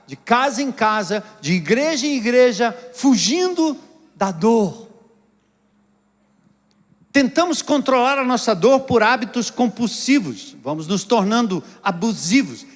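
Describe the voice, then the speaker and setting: High-voiced Brazilian pastor preaching in a reverberant hall. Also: male voice. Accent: Brazilian Portuguese. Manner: expressive preaching with sharp pitch swings, rhetorical questions. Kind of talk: sermon. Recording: long reverb of a church hall.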